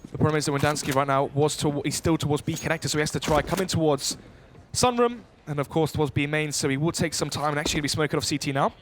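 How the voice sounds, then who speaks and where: A male esports caster talks quickly in a slightly high voice. He gives analytical match commentary, explaining tactics in dense gaming jargon, with clear gunfire and clicks in the background. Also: noisy background. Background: video game gunfire and clicks.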